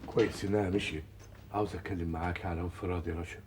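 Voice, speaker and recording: A man's voice: low-pitched, fairly even intonation, rapid-fire, a little mellow, lightly acted. An older man playing a fussy grandfather of a wealthy household, speaking Egyptian Arabic in a stage comedy. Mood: bossy. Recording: noisy old archive TV recording.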